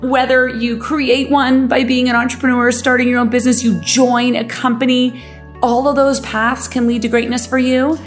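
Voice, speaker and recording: A woman's voice: sits high, level tone, normal speed, soft background music. Upbeat motivational woman podcast host. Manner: emphatic, frequent filler words, laughs easily. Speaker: podcast host and company founder.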